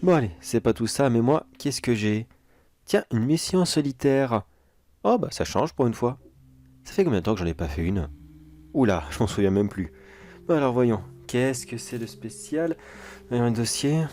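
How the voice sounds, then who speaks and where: A man's voice: medium pitch, lively intonation, normal speed, dark tone, lightly acted. A man playing a casual, self-assured security major in a horror audio drama, musing aloud and talking to himself. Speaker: security agent.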